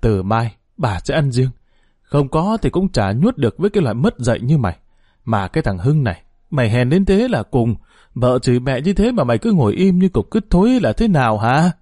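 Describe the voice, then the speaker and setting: A man's voice: mid-range voice, big pitch swings, brisk, dark tone, no room sound, clean studio sound. A man voicing an aggrieved old mother who rants bitterly at her family in a dramatized story reading. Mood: wrathful. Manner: ranting, bitter.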